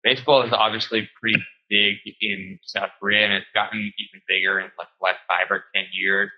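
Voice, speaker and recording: A man's voice: lowish voice, level tone, a little fast, muffled recording. A man hosting an interview podcast, friendly and upbeat, with frequent ums. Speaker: podcast host.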